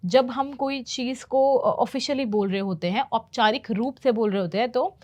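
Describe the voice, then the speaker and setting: A woman teaching English, patiently explaining movie phrases and repeating them slowly. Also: fairly high pitch, a little mellow. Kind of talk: explaining movie lines in a lesson.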